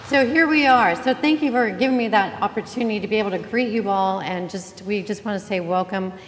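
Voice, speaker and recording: A woman's voice: medium pitch, a little fast, a little hiss or hum. A woman pastor giving an Easter sermon in a church, chatty and joking as she welcomes the congregation. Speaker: interim pastor. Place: church sanctuary. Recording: reverberant church hall, faint ambience.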